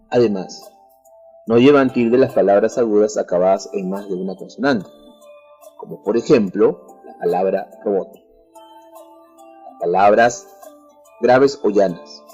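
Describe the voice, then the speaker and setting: A man's voice: on the low side, dark tone, slightly rough. A man with a Peruvian Spanish accent teaching a school lesson over the radio, explaining step by step and addressing students directly. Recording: dull lo-fi radio broadcast.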